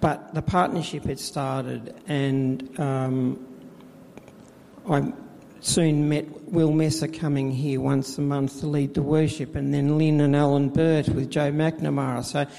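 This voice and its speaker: A middle-aged man tells his story of faith in a halting way, with many fillers and restarts, recorded in a church with a long reverb. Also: on the high side, fairly even intonation, vocal fry, warm tone. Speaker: church volunteer administrator. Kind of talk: personal faith testimony in interview.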